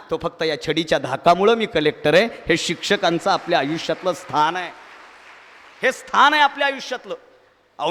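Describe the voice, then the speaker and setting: A man telling stories from his childhood to an audience of teachers, animated and acting out the voices of the people in them. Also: high-pitched. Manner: animated storytelling, acts out voices of father and teacher. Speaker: speaker addressing teachers. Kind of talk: storytelling speech to an audience. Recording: echoey hall with long reverb.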